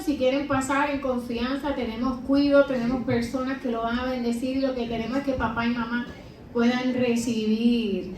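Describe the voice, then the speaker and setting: A middle-aged woman speaks to a congregation in a fairly high voice. She gives her testimony with emphasis and keeps pulling the audience in with rhetorical questions. She sounds distant from the mic in a heavily reverberant hall with a faint hum underneath. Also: darkish tone. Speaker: church speaker and mother giving testimony. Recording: very echoey hall, mic far off.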